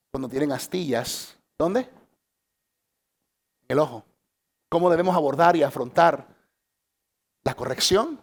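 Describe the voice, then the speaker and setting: Gravelly-voiced animated male pastor. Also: fairly high pitch. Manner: animated, laughing, repeats phrases for emphasis. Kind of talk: sermon. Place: church stage.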